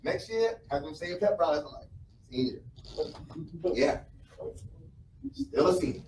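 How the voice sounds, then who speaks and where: Recorded from the audience on a camera mic several meters off, this South Carolina man speaks to a live crowd in an indoor conference room with a small stage, so the sound is roomy and distant with some background noise. He's a motivational speaker with a high-leaning, very animated, unhurried voice, telling stories conversationally and repeating phrases for emphasis.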